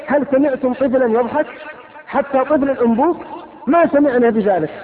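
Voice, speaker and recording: A man's voice: extremely high pitch, fairly quick. A man preaching a sermon, impassioned, rhetorical and scolding. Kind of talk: fiery sermon. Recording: lo-fi phone-like sound with hall reverb.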